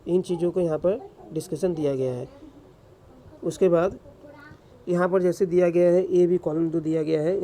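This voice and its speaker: Gravelly-voiced man lecturing. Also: on the high side, dark tone. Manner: rhetorical questions answered himself, frequent fillers. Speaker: English teacher. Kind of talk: classroom lecture explaining grammar.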